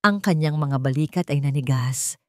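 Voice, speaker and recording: Narrating a scripted dramatic tale, a woman storyteller speaks at normal speed in a fairly low voice. The recording is dry, with no room sound.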